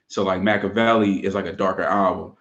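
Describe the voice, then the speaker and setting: A man's voice: deep voice, fairly even intonation, a little fast, a bit bright. A man co-hosting a podcast in casual chat, speaking reflectively and wandering through his thoughts with many fillers. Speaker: podcast co-host. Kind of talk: casual podcast chat about hip hop. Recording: dull lo-fi mic.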